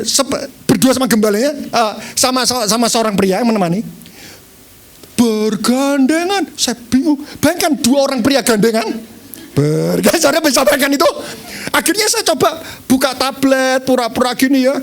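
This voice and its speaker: A male pastor delivering an animated sermon in a noticeably high voice. He acts out different tones of voice for his listeners. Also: brisk. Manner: animated, demonstrating tones of voice to the congregation.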